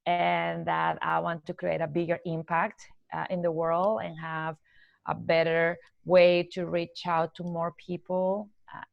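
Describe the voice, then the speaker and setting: Gravelly, low-voiced woman with a Colombian accent. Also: no echo, lo-fi sound. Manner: earnest, listing ideas in measured steps. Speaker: guest, corporate trainer and coach. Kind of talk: podcast interview answers.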